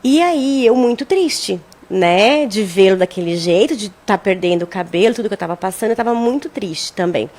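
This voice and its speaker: A middle-aged woman talks on a radio program. She tells a personal story in an earnest, reflective way and keeps checking in with her listener. Her voice sits at an ordinary middle pitch. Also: animated, normal speed, few pauses, darkish tone. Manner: earnest, reflective storytelling with frequent tag questions. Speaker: radio show participant on parenting. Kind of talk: conversational radio talk.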